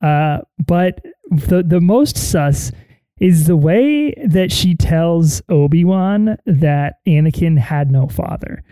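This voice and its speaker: A man's voice: a little high, lively intonation, slow, mellow, smooth, dry recording. A man co-hosting a casual film review podcast, talking in a laid-back, slangy, mocking way. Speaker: podcast co-host.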